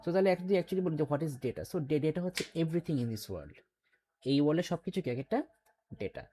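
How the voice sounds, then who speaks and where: A man's voice: on the high side, sing-song, a little fast, dark tone, a little hiss or hum. A man teaching a computer class, explaining step by step and quizzing his students with questions. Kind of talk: classroom lecture.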